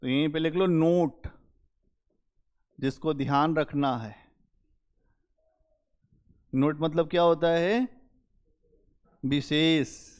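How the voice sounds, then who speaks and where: A male history teacher lectures in a slow, measured classroom delivery, pausing between phrases. His voice sits somewhat high for a man, and he leans on rhetorical questions to drive points home. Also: a little mellow, clean tone. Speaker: history teacher for civil service exam students.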